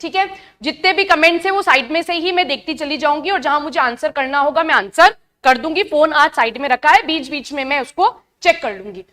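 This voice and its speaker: Young woman teacher on a live class, high bright voice, talks to students a lot, reads textbook slow then explains. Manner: reads English textbook lines slowly, then explains in Hindi; chatty, greets students by name and asks them questions. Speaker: biology teacher. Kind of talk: live online class lecture.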